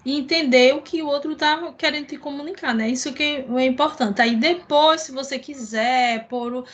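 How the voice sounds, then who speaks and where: A woman hosts a relaxed conversation and talks a bit higher than most. She wanders through her thoughts and keeps tossing in little tag questions to check in with her guest. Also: moderate pace, dull audio. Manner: rambling, with frequent tag questions. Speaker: host. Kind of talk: casual conversation.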